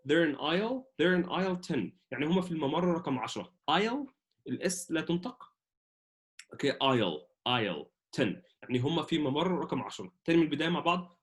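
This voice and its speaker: A man with an Egyptian Arabic accent teaching an English lesson, repeating words slowly and pausing often. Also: a little high. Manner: slow drilled repetition of English words; many hesitations and restarts.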